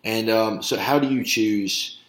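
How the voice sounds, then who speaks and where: A young man in his twenties interviewing a fellow coach in a casual way, chiming in with quick affirmations, recorded on a laptop webcam in a small room. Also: lowish voice. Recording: roomy webcam audio.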